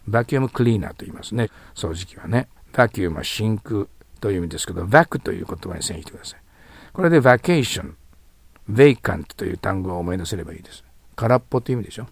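A man with a low, gravelly, slightly husky voice gives a vocabulary lecture. He explains patiently and keeps checking in with his listeners through tag questions. The recording is dry, with no room sound. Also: no echo. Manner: explains slowly, tags sentences with questions. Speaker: English vocabulary teacher.

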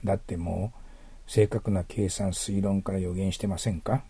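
A man's voice: low voice, steady tone, moderate pace, warm tone, slightly rough, no echo. A man teaching English vocabulary, breaking words into their roots and asking his listeners rhetorical questions. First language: Japanese. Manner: explains word roots step by step, asks listeners rhetorical questions. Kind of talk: recorded vocabulary lesson.

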